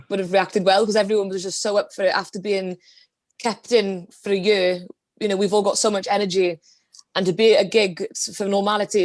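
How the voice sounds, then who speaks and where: Interviewed over a video call from a small room at home, this twenty-something DJ spins informal stories in a Welsh Valleys accent. Her voice is mid-range, with no echo on the recording.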